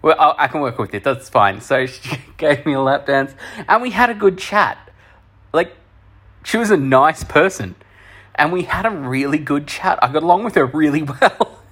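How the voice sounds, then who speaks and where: A man's voice: fairly high pitch, lively intonation, moderate pace, fairly bright tone, breathy edge. A young man telling a personal story in a casual, sweary, self-deprecating way, laughing through the awkward parts. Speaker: podcast host.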